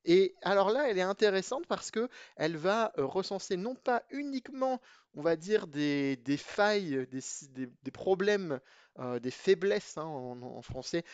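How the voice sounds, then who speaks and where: A man's voice: fairly high pitch, no echo, highs cut off. A young man giving a casual, conversational tech explanation, full of fillers and restarts. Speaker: cybersecurity explainer.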